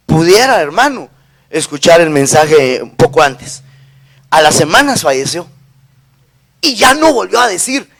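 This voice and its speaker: A man's voice: a little high, a bit bright. A middle-aged man with a Guatemalan accent, a pastor preaching a sermon and telling a personal story, who keeps checking in with the congregation. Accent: Guatemalan Spanish.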